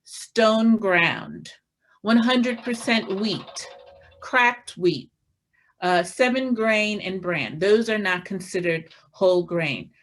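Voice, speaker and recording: A woman gives an unhurried health talk at a measured, deliberate pace. Her voice sits at an ordinary pitch, and she lists foods one at a time with frequent pauses and fillers. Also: lively intonation, soft background music. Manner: slow, listing items one by one with fillers; showing foods from her pantry. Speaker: health presenter.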